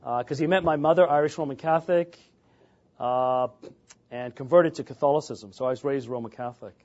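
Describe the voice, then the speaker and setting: In a medium-pitched, darkish voice, a fifty-something English man lectures informally on church history, often pausing on fillers and restarting. The audio is dull.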